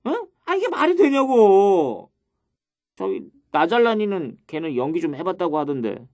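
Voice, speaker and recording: A man's voice: high voice, very animated, moderate pace, darkish tone. A man voicing a nervous young male cartoon student who frets about acting in a play. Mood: worried. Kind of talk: educational cartoon dialogue.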